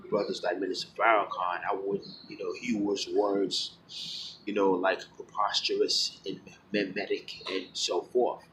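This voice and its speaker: A man talking casually to the camera in a frank, plain-spoken way, with frequent fillers and restarts. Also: sits low. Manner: rambling, full of fillers and self-corrections. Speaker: vlogger. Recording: steady background noise with passing vehicles.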